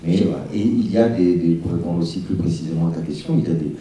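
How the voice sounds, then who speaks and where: Deep-voiced male agent in echoey hall. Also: quick pace, warm tone. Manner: stammering repetitions, emphatic. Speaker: talent agent. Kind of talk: public panel discussion. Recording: echoey hall, distant, crowd behind.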